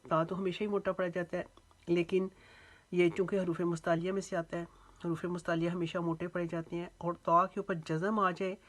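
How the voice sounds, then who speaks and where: A woman teaching Quran recitation rules, slowly drawing out recited phrases and then explaining each rule patiently. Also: on the low side, little pitch movement. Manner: breaks words into syllables and draws out recited phrases slowly. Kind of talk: tajweed lesson with slow recitation.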